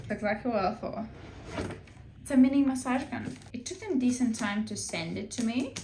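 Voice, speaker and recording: A woman speaks in a casual vlogger style, informal and thinking out loud as she goes. Her voice sits at a middling pitch. The recording is roomy and echoey, with clear ambient noise behind her. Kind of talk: casual vlog chat to camera.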